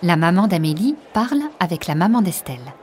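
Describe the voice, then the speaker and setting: A woman narrating a learner's storybook in a slow, clear, evenly articulated way. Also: fairly low pitch, slight background noise. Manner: slow, even and carefully articulated. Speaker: audiobook narrator.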